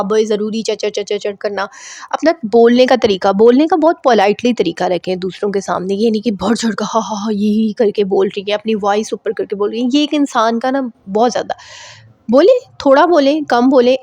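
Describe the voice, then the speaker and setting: A woman's voice: on the high side, a little mellow, no room sound. Woman with chatting advice at the camera, repeats herself a lot, close dry mic. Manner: chatty, repeats herself, mixes in English words. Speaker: vlogger giving advice. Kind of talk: casual advice talk to camera.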